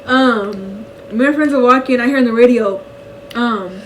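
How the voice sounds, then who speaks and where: A young woman telling a story in a casual vlog, animated and slangy and laughing often. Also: on the high side, unhurried, far from the mic, low-quality recording. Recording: voice a bit off-mic with faint noise.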